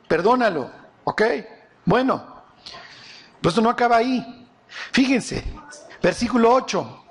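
A man preaching a sermon, animated and often quizzing his audience with questions. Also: high-pitched.

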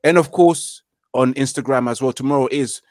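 A man's voice: medium pitch, moderate pace, darkish tone, dry recording, clean studio sound. A man speaking casually as a guest creator, plugging channels on a football livestream.

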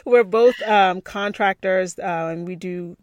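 A woman's voice: medium pitch, slow, no echo. A woman hosting a podcast, interviewing a guest in a loose conversational way with many fillers. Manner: conversational, asks questions with frequent fillers. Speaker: podcast host. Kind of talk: casual interview.

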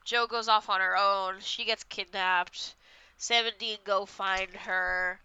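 A woman's voice: medium pitch, fairly even intonation, slow pace, sharp tone, clear, resonant tone, no room sound, highs cut off. A woman co-hosting a podcast, congested, chatting casually and rambling through an episode recap while acting out characters' lines. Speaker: podcast co-host.

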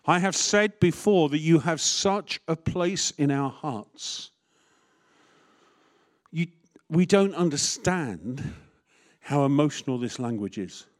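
A man's voice: a little high, lively intonation, takes it slowly. A man, a vicar preaching a sermon in a candid, conversational way with jokes and asides.

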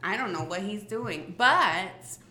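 Woman, comedy show guest; bright voice; hesitant, thoughtful; roomy sound. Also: medium pitch, animated, takes it slowly. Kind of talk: improvised comedy chat.

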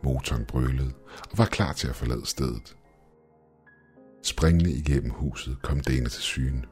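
A man reading a first-person horror story in an even, measured storytelling voice. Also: extremely low pitch, breathy edge, faint music behind. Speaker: narrator. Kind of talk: scripted horror narration.

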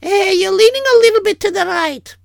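A woman doing a gravelly, shrill old-world wife. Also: brisk, no echo, clean studio sound, full character voice. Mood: nagging.

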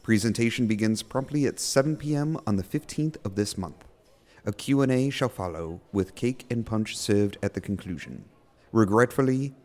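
Man playing a pompous, mellow-voiced horror host. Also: medium pitch. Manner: pompous, theatrical, formal phrasing. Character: pompous, eager male horror host playing roving reporter. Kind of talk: scripted horror audio drama narration.

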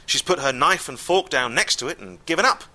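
Man, live comic storytelling, lively intonation, bright voice, wry and deadpan. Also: fairly high pitch, brisk. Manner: wry, exasperated, deadpan asides.

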